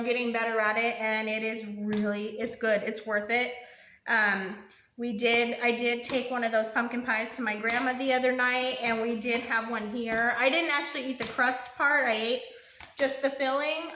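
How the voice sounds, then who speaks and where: Young woman, high bright voice, casual live cooking host, rambling and friendly, echoey kitchen. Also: a little hiss or hum. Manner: chatty, rambling, lots of ums and asides to viewers. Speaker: home cook hosting a live baking stream. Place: home kitchen.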